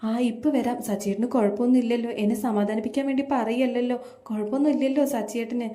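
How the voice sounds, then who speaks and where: A woman's voice: fairly high pitch, steady tone, mellow, echoey room, lightly acted. Woman reading an anxious, tearful young wife. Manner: anxious rapid questions.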